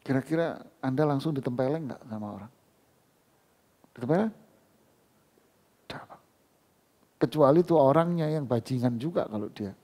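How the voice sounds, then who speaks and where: A man's voice: medium pitch, normal speed, pauses often, dark tone. A man giving a casual Quran lesson in a mosque, talking conversationally and acting out little dialogues with his listeners. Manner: conversational, acts out dialogues, laughs often.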